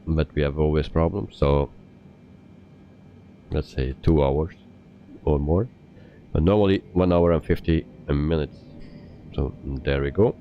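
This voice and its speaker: Man from Belgium, low voice, casual streamer commentary, slightly muffled mic, faint rumble behind. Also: a little slow, long pauses. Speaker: flight simulator live streamer. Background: aircraft rumble.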